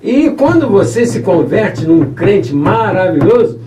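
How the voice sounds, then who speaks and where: A man with a Brazilian Portuguese accent preaching on the radio, telling a Bible story in an animated way. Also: high-pitched, measured pace, slight background noise. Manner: animated, acts out voices, asks listeners. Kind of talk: storytelling sermon. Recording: roomy, distant mic.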